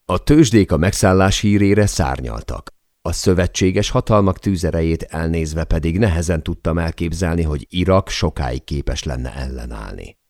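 Very deep, gravelly male audiobook narrator. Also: a little mellow, no echo, studio quality. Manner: measured, deliberate first-person reading.

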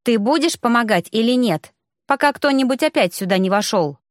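A woman's voice: on the high side, expressive, a little fast, no echo, studio quality, natural voice. Woman doing a flustered rector in a girl's body. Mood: flustered complaining. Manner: flustered, complaining.

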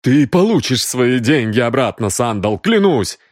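A man's voice: medium pitch, very animated, takes it slowly, no room sound, studio quality. A man voicing a desperate cardsharp who pleads in a shaky voice.

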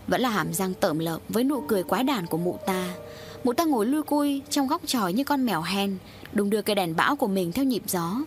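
A woman's voice: mid-range voice, a little hiss or hum. Woman narrating a grave horror story. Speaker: audiobook narrator.

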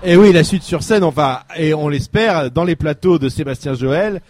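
A man's voice: fairly high pitch, normal speed, a little mellow, no echo, clean studio sound. A man hosting a comedy radio show, plugging acts with playful banter. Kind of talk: casual radio chat.

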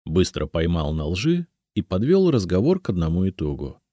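Low warm male audiobook narrator. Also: sing-song, normal speed, no room sound, studio quality. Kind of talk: scripted first-person narration.

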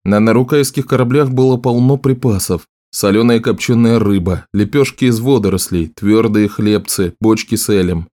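A man's voice: on the low side, normal speed, few pauses. Man narrating a fantasy audiobook. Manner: steady, even reading. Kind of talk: scripted narration.

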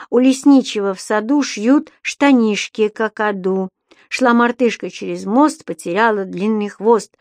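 Woman doing a loud rhyming parrot. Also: fairly high pitch, dry recording, studio quality, close to an everyday voice. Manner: loud, clear, slow sing-song rhyming. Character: male parrot blurting silly rhymes.

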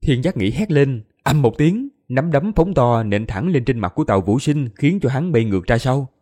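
A man narrating a fantasy audiobook in an expressive storytelling manner. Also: medium pitch, normal speed. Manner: expressive storytelling, voices all characters.

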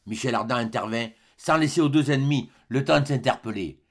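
A man reading a classic adventure novel aloud in a measured, dramatic storybook narration. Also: mid-range voice. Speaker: audiobook reader.

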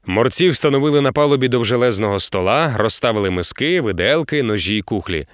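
A man narrating an audiobook in an expressive storytelling way. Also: mid-range voice, fast, no echo, studio quality. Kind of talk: scripted narration.

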